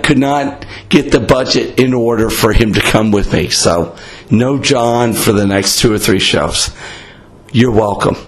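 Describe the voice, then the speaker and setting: A middle-aged man with a raspy, worn-out voice hosts a show in a casual, rambling monologue, blunt, profane and self-mocking. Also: medium pitch. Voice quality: raspy, hoarse. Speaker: podcast host.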